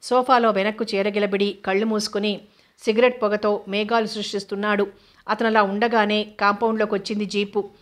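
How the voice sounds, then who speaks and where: A woman reading a novel aloud as narrator, in a steady, even storytelling manner. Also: mid-range voice, brisk. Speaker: audiobook narrator.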